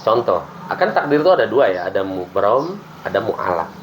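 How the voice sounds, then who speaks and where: A man who teaches religion, explaining Islamic ideas in a relaxed podcast chat and acting out prayers as he talks. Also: on the low side, moderate pace, a little hiss or hum, low-quality recording. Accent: Indonesian. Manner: lively explaining with acted-out prayers and laughs.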